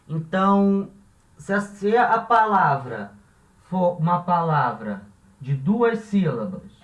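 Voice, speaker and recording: A man's voice: sits high, sing-song, takes it slowly. A man teaching a language lesson. He explains patiently, repeats each example and often checks that the listener is following. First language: Portuguese. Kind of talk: classroom-style lesson explanation. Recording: echoey room, voice from a distance.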